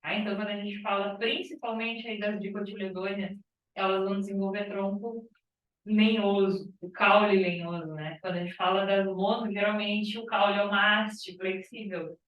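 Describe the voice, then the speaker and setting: A woman's voice: medium pitch, little pitch movement, normal speed, dull audio. A female biology teacher lecturing a class, explaining step by step and checking in with "tá?". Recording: echoey classroom, far from mic.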